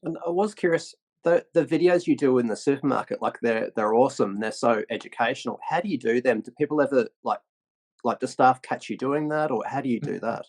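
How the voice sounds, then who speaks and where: Guy interviewing someone, talks fast and excited, kinda gravelly. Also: mid-range voice. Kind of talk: interview questions.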